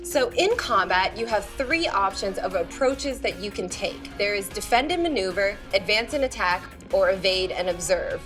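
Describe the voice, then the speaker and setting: A woman's voice: mid-range voice, lively intonation, normal speed, hardly any pauses, music in the background. A woman narrating a tabletop game as game master, casual and full of fillers.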